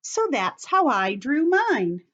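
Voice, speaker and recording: Here a woman leads a craft for small children at story time, explaining each step plainly and talking right to them. Her high voice is sing-song and a bit bright, her pace is slow, and the highs are cut off in the recording.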